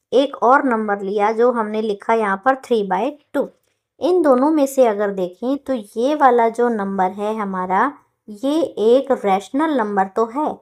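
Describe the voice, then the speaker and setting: Woman teaching maths, questions and answers. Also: a little high. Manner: explains step by step with rhetorical questions, mixing in English terms; slow, drawn-out dictation of definitions word by word. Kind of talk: classroom lesson explanation.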